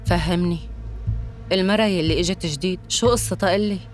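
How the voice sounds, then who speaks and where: An actress with a Syrian accent playing a shrewd, cold, middle-aged female prison boss in a dubbed drama, measured and commanding. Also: lowish voice, faint music behind, natural voice. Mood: cold, scheming.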